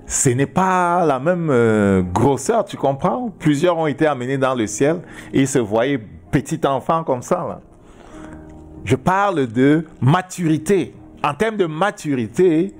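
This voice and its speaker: A male pastor teaching a sermon, talking deliberately and checking in with his listeners. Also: a little high, darkish tone. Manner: slow, deliberate teaching with frequent "ok?" and "tu comprends?" checks.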